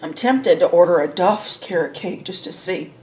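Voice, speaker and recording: A woman's voice: lowish voice, normal speed, a little mellow, slight background noise, rough recording. A woman chatting casually as a mukbang host, eating and savoring her food as she talks. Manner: eating while talking, with savoring mms between phrases. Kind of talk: casual eating-show chat.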